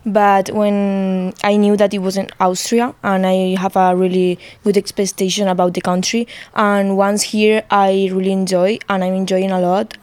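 Even-toned young woman. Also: medium pitch, smooth, dry recording. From Gran Canaria, Spain. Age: young adult. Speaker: exchange student guest.

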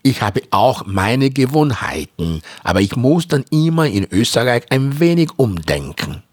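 A man's voice: mid-range voice, big pitch swings, measured pace, no room sound, studio quality. A middle-aged man from Nigeria, answering interview questions earnestly with many hesitations. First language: a Nigerian language. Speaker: interview guest, author.

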